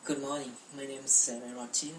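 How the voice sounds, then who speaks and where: A woman's voice: a bass voice, flat delivery, brisk, echoey room, distant mic, background noise. A young woman from Cambodia giving a prepared class speech, speaking carefully with frequent restarts and repeated words.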